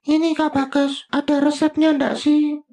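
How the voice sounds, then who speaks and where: A man doing a squeaky chirpy sidekick co-host. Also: completely flat delivery, measured pace, darkish tone.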